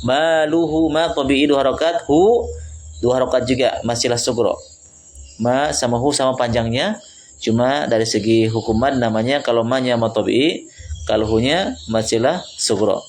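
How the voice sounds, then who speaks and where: A man's voice: mid-range voice, moderate pace, slight background noise. A man teaching Quran recitation rules, patiently repeating and drawing out syllables to demonstrate pronunciation. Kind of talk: tajwid lesson, modeling pronunciation.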